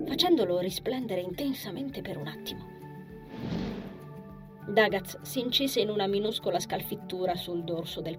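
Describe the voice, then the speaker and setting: A woman reading a fantasy novel aloud in a calm, even storytelling manner. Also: medium pitch. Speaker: audiobook narrator. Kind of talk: scripted narration.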